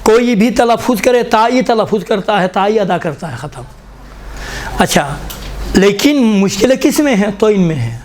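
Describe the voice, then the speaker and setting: A man with a high, light voice teaches a pronunciation lesson in a classroom. He stops to sound out single letters slowly and asks his students to listen closely. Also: animated, a little mellow, a little hiss or hum. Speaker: Quran recitation teacher.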